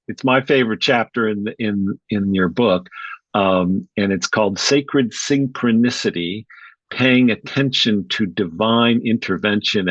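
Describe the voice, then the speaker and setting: A man's voice: mid-range voice, a bit bright, dry recording. A man hosting a podcast, chatting easily and asking curious follow-up questions. His voice comes through slightly dull and muffled. The sound is close and dry, with no room around it. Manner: curious, prompting the guest. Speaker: podcast host. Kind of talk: conversational interview.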